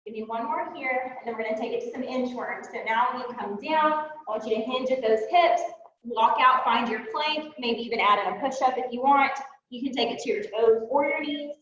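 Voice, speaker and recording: High-voiced woman leading a workout, echoey. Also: fairly quick, fairly bright tone, slight background noise. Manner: upbeat cueing with frequent "um" fillers; talks while moving and exercising. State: a little winded. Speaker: fitness instructor. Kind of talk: workout class instruction. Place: fitness studio. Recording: echoey room, distant mic, dull sound.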